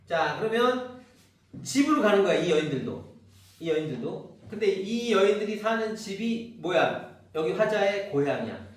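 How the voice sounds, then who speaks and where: A middle-aged cram school literature teacher from Seoul, South Korea, lectures a large classroom in a high, sing-song voice at normal speed. He's casual, chatty and teasing, constantly checking in with "right?" The recording is echoey and distant, with faint noise.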